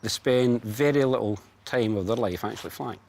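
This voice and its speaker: A man's voice: medium pitch, normal speed, creaky, darkish tone, a little hiss or hum. A man who keeps birds of prey, explaining them in a matter-of-fact way with dry humour, outdoors. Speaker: bird of prey keeper. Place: outdoor bird of prey centre.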